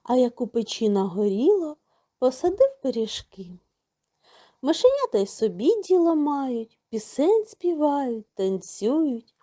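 A woman reading a folk tale aloud in a slow, expressive, singsong manner. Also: sits high. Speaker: storyteller.

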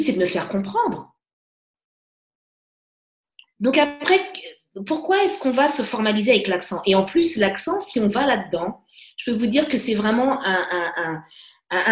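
A woman guest coach talking casually and with energy, often restarting her phrases with fillers. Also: mid-range voice. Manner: animated, many restarts and fillers. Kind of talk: casual interview talk. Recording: echoey room.

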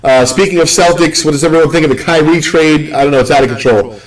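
Rambling excitable man hosting a card break. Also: on the high side, fast talker, low-quality recording. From Northeast US. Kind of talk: live stream chat.

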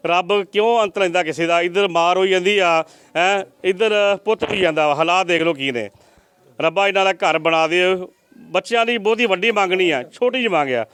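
A man's voice: high-pitched, moderate pace, a bit bright, clear, resonant tone, no room sound. A man reporting from a poor family's village home, making earnest appeals to viewers for help.

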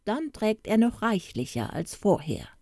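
A woman doing a gruff grumbling ogre. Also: medium pitch, very animated, a little slow, darkish tone, no room sound, studio quality, exaggerated voice. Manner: gruff, growling. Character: brutish all-knowing male ogre, gruff and grumbling.

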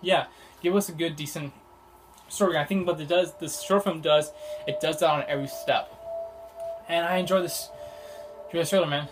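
Young male reviewer, slightly high voice, unscripted and rambling with constant fillers, music bed clearly audible. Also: steady tone, moderate pace, long pauses. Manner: rambling, many fillers and restarts. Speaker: film reviewer.

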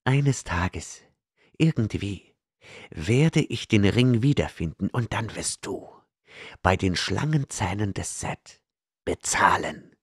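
A man's voice: on the low side, animated, slow, husky, no room sound, studio quality, full character voice. A man voicing a bitter, hateful male sorcerer slave in an audiobook, speaking with a growl. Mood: menacing. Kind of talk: audiobook character reading.

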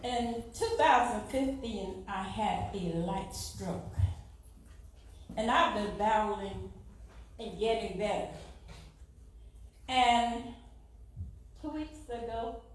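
A middle-aged woman with a Southern US accent giving a fervent church testimony, rising to loud exclamations. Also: fairly high pitch, slow pace, long pauses, slight background noise. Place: large church sanctuary. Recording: echoey church from far off.

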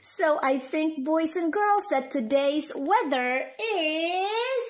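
High, animated woman kids show host. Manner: encouraging, sing-song, exaggerated teacher delivery with pauses for answers. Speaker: early-childhood teacher hosting a calendar lesson. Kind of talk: kids show host, teaching children directly with call-and-response questions.

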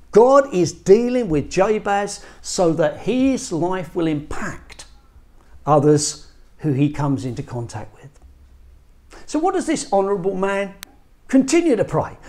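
A man's voice: high voice, a little mellow. A middle-aged man from England preaching an earnest, emphatic sermon, recorded indoors in a small church room on a lapel mic. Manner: earnest, emphatic, gestures with both hands. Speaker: pastor.

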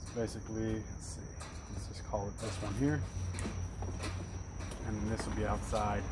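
A man in his forties who owns a detailing business, with a fairly low voice and moderate pace, shows off his gear in a casual vlog walkthrough, relaxed and rambling with plenty of ums and uhs. He's outdoors by a fenced wall at night, later in daytime, recorded on a camera mic with crickets and insects in the background noise.

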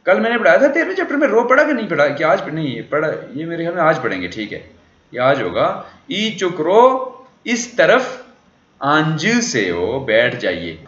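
A man's voice: on the high side, very animated, brisk, fairly bright tone. A man teaching a language class, explaining words and repeatedly quizzing his students with questions. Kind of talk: classroom lecture. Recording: dull roomy classroom recording.

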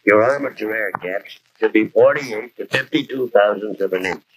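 Casting: man as avuncular American shop veteran, fairly deep, advising trainees, 1940s instructional film with obvious noise. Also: moderate pace, a bit bright, natural voice. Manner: folksy, advising. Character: seasoned, avuncular male mechanic giving practical tips. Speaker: actor playing an experienced mechanic. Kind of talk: 1940s training film acting, scripted dialogue. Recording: noisy 1940s film soundtrack.

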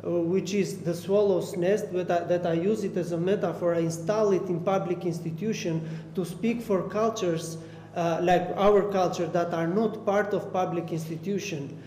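A young male artist from Albania, a first-language Romani speaker, contributes hesitantly to a panel discussion in an art gallery room, repeating words and using many fillers. His high-pitched, mellow voice moves at normal speed with fairly even intonation. The echoey hall and faint noise come through on the stand mic.

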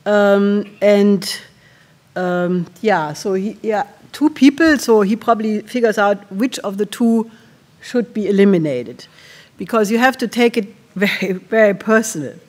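A woman in her sixties with a German accent gives a keynote speech at a podium in a large hall, earnest and halting, often clearing her throat. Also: mid-range voice, a little mellow. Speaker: keynote speaker. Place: large conference hall with audience. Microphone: podium microphone.

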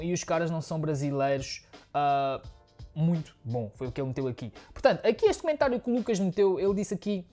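A man in his thirties, born in Angola and raised in Portugal, talks to viewers with a European Portuguese accent while hosting a music reaction from a living room sofa. His voice is high and a little mellow, and he chats in a rambling way, fond of saying "né, pessoal".

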